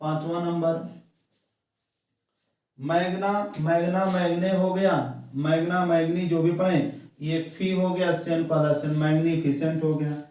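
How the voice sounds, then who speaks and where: A man from India with a North Indian accent, teaching a shorthand lesson slowly and step by step, repeating each word. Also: a little high, flat delivery, a little mellow. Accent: Hindi-speaking North Indian. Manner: slow, repetitive, step-by-step explaining. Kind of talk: classroom shorthand dictation lesson. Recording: echoey room, voice from far off mic.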